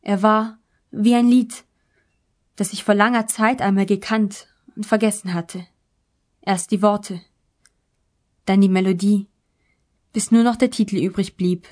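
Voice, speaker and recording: A woman reads a literary novel aloud in the first person, measured and calm. Her voice sits at an ordinary mid pitch throughout. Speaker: audiobook narrator. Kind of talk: literary audiobook reading.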